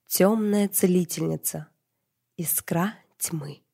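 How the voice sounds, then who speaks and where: A woman reading a dark fantasy novel as an audiobook narrator, in a measured, dramatic way. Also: on the low side, vocal fry, breathy edge.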